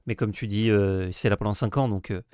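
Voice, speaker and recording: A man's voice: lowish voice, fairly even intonation, a little fast, darkish tone, clear, resonant tone, no room sound, studio quality. A man co-hosting a casual card-game discussion, talking with many hesitations and restarts. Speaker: co-host.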